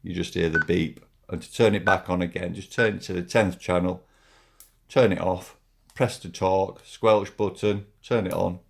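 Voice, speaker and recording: A man with a low voice talks through a hands-on product demonstration. His delivery is casual and a little halting, and he repeats himself as he works through each step. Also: steady tone, creaky. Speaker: product reviewer.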